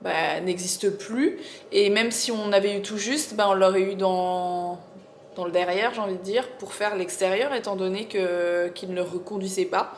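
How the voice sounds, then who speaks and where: A woman's voice: medium pitch, normal speed. A woman chatting casually to viewers as a vlogger, with a slight lisp on her s sounds and an informal, digressive way of telling things. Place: indoors at home. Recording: roomy echo, faint background noise.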